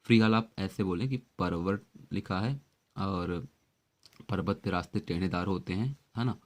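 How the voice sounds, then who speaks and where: Low-voiced man teaching vocab. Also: measured pace, darkish tone. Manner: chatty, with repeated questions to the viewer. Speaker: exam-prep vocabulary teacher. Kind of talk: explanatory lesson.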